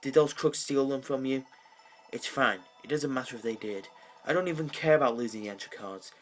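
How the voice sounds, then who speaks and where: A man's voice: medium pitch, fairly quick, a little hiss or hum, lightly acted. A man voicing a protective, anxious male scholar creature in a soothing manner.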